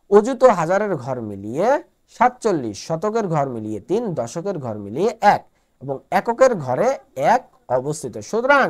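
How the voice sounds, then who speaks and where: A Bangladeshi woman with a mid-range, somewhat dark voice teaches math at the board. She works as a math tutor, going step by step, repeating each point and making sure the students keep up.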